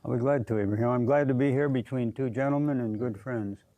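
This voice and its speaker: A man's voice: mid-range voice, fairly quick, dark tone, dry recording. An American man in his sixties, a community activist guest, speaking earnestly and measuredly in a TV studio interview. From United States. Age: 60s.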